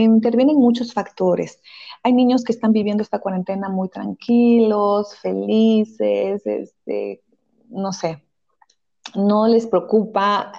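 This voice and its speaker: A woman's voice: mid-range voice, steady tone, slow, gravelly, dark tone. A woman, a parenting professional and mother, explaining patiently and often checking in with "¿sí?". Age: adult, parent of a young child. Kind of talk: conversational advice talk. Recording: slightly dull lo-fi audio.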